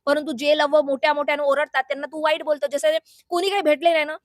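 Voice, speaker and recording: A woman's voice: sits high, level tone, fast, no echo, studio quality. A young woman vlogger giving her sarcastic, indignant take on a reality show, scolding and mixing in English and Hindi words. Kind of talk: opinionated reaction vlog.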